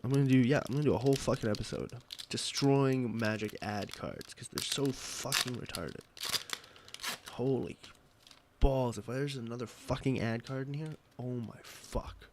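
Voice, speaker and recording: A man opening trading card packs and ranting angrily with constant profanity, swinging between loud outbursts and low muttering. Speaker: card-opening channel host. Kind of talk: ranting booster pack opening.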